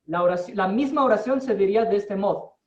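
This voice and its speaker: A man teaching an English class in Spanish, explaining slowly and deliberately and checking in with his students. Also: sits high. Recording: distant, roomy, dull-sounding.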